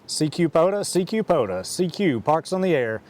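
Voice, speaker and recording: A man operating an amateur radio outdoors in a park, making a ham radio call and spelling out his call sign in phonetic alphabet with a steady, repetitive procedure cadence. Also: fairly high pitch, normal speed.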